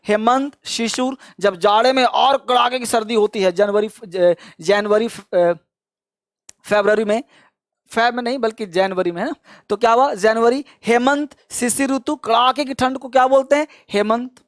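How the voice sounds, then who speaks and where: In a pronunciation drill lesson, a man teaching spoken English repeats each word over and over, urges listeners to say it back, and offers encouraging praise. His voice is extremely high-pitched, recorded dry with studio quality.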